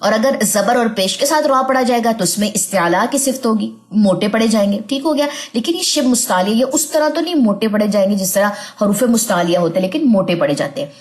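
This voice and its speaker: A young woman teaching tajweed from slides. She often checks whether students follow and draws out example words slowly. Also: fairly high pitch, lively intonation. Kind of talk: slide-based online lesson.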